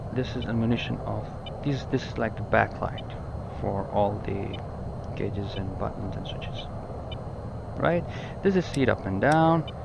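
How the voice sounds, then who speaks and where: A man with a lowish voice and vocal fry gives a gaming tutorial, informally walking through a flight simulator cockpit and restating points as he explains them. The recording is muffled, with background noise.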